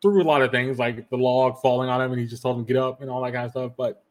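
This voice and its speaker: A man's voice: medium pitch, fairly even intonation, fast talker, darkish tone. A man hosting a casual podcast, eagerly retelling anime scenes and quoting characters as he goes. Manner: retells scenes with quoted lines, many restarts. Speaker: podcast host. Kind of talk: casual anime review chat.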